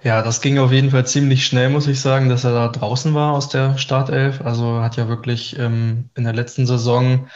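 A man speaking as a podcast guest, calm and matter-of-fact. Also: mid-range voice, normal speed, hardly any pauses. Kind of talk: casual analysis. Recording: dull lo-fi sound.

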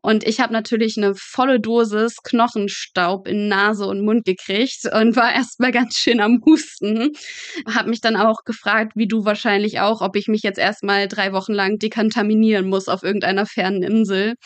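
Her voice is mid-range with fairly even intonation, delivered at a moderate pace in a dry recording. The speaker, a woman in her twenties, is a medical student employed at a pathology practice who joins an interview as a guest and recounts anecdotes in a lively, funny, down-to-earth manner.

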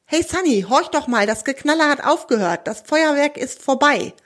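An eager young male pony from a children's storybook, bright and lively in his talk with a voice pitched well up, as a woman puts him on. He sounds a little sheepish and pleading at times. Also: normal speed.

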